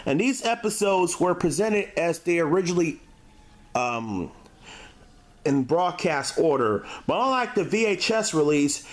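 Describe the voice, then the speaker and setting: Hosting his own casual DVD review, a man with a slightly high voice and big pitch swings talks unscripted in a homemade style. He halts often, stumbling over words as he reads aloud and beginning them again.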